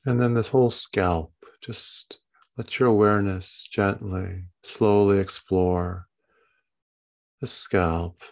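Slow, low-voiced man guiding meditation. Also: fairly even intonation, vocal fry. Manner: gentle, soothing bedtime-narrator delivery with long pauses. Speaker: meditation guide. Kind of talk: guided body-scan meditation, unscripted.

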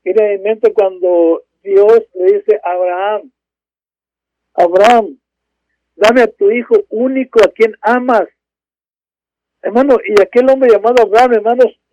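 A man preaching a sermon from home, fervent, calling out to his brothers and crying praise between verses. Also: sits high. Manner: fervent, repeats "hermanos" and bursts of "gloria a Dios, aleluya". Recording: dull, dry lo-fi recording.

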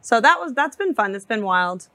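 Chatty, animated woman in her thirties. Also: a little high, normal speed, dry recording. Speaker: real estate agent, guest. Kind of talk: casual podcast conversation.

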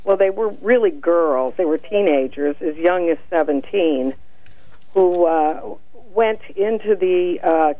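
A woman calling in on a speakerphone over a phone line, explaining earnestly and pausing on fillers. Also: lowish voice, no echo. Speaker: caller, director of a nurses' group. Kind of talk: radio call-in.

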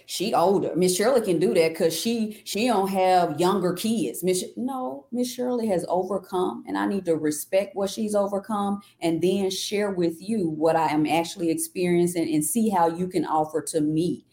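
A woman with a low, mellow voice talks earnestly as a podcast guest. Her delivery is reflective and warm in tone, steady and sincere. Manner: earnest, faith-filled, reflective. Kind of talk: casual interview chat.

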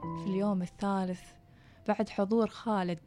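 A woman narrating a true story in a soft, hushed voice, sometimes dropping to a whisper. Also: medium pitch, steady tone, a little fast, soft background music.

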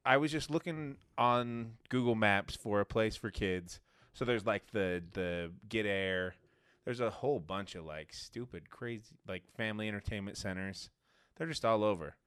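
A man's voice: on the low side, a bit bright, clean tone, no room sound. A man co-hosting a casual chat with dry, teasing sarcasm. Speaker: podcast co-host.

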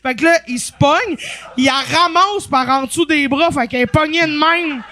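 A woman with a Québécois accent, a podcast guest telling a story in lively casual chat, swearing freely. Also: high-pitched, normal speed.

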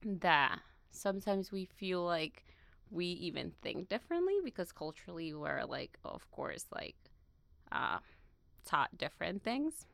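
Chatty young woman from Peru, bright. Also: on the low side, very animated, a little slow, creaky, dry recording. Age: young adult. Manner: chatty, many fillers, laughs often. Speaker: student interviewee. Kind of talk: casual interview.

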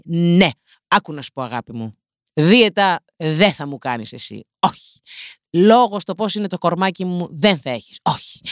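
A woman's voice: fairly low pitch, no echo, studio quality. Woman ranting sarcastically on a podcast. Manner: animated, sarcastic, swears casually; self-mocking, addresses listeners directly. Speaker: podcast host. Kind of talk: comedic podcast rant.

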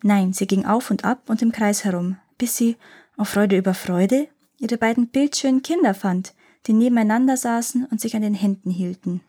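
A woman reading a fairy tale aloud as a podcast storyteller, lively and expressive. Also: medium pitch, normal speed.

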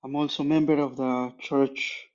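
A man from Peru leaving a recorded question for a podcast, halting and polite, with frequent pauses and fillers. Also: medium pitch, flat delivery, darkish tone, highs cut off. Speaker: caller.

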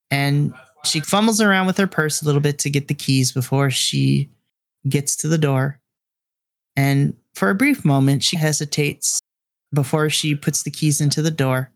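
A man's voice: mid-range voice, creaky, dry recording. A man narrating a tabletop game as game master, speaking to the player in second person.

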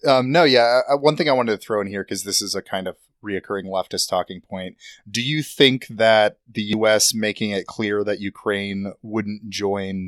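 Low voice podcast guy, kinda hesitant, lots of ums, dry sound. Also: dry recording. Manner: hesitant, filler-heavy, laughs easily. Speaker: podcast host. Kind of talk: casual political discussion.

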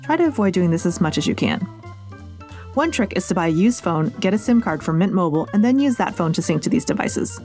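With a low, darkish voice that's brisk and very animated, this American podcast host and reporter reads from her script. Along the way she tosses in playful, conversational remarks directly to her audience, over gentle background music.

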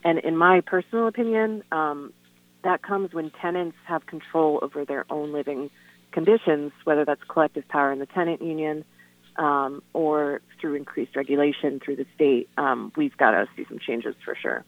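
A woman heard over the phone, her voice thin and tinny and dry, with no room sound around it. She is a guest calling in to a radio show. She talks earnestly but haltingly, stopping to restart and filling pauses with "um" and "you know". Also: sits low, dry recording. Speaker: guest on a call-in radio show, tenant organizer. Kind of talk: casual radio phone interview. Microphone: telephone.

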